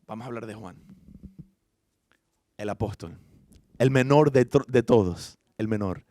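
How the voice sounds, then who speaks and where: A man preaching a sermon as pastor. He tells the story with animation, swings between hushed and loud passages, and adds informal asides and self-corrections. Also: fairly low pitch, measured pace, no room sound.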